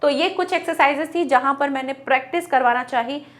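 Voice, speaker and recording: High-voiced woman teaching grammar. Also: a bit bright. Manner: explains step by step, asks and answers her own questions; reads English sentences slowly and deliberately. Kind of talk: online grammar lesson.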